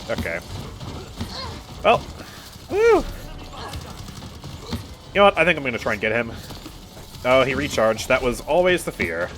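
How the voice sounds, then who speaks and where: A man gives casual live gameplay commentary from his room at home, keeping things upbeat and laughing frequently. His voice sits in the mid range with a fairly bright tone, but it comes out stuffy and slightly nasal because he has a cold.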